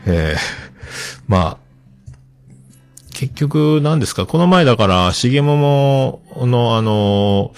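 Guy hosting a solo chat, rambles a lot, lively up and down voice, faint music behind. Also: fairly low pitch, no echo. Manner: rambling, chatty, self-joking. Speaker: host.

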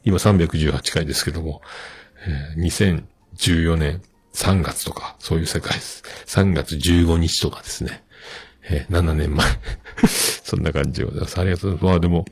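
Low gravelly man, rambling chat. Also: steady tone, fairly quick, no room sound. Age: middle-aged. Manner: chatty, rambling with many fillers. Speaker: podcast host. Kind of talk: casual chat reading listener mail.

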